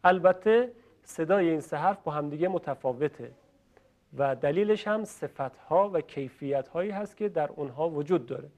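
A man's voice: on the high side, darkish tone. A man from Iran teaching Quran recitation in a lesson, patiently demonstrating how sounds are made and asking viewers to repeat after him. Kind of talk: classroom-style lesson. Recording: dull lo-fi recording.

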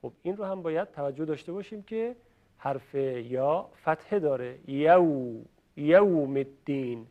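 A man's voice: on the high side, animated. A man from Iran teaching Quran recitation in a lesson, patiently demonstrating how sounds are made and asking viewers to repeat after him. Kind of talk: classroom-style lesson. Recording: dull lo-fi recording.

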